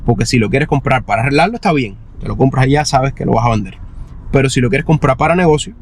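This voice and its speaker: Guy doing a casual car vlog, normal pitch, explains stuff step by step, bit of car noise behind. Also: quick pace. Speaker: vlogger who buys and resells used cars. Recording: noisy vehicle and outdoor ambience.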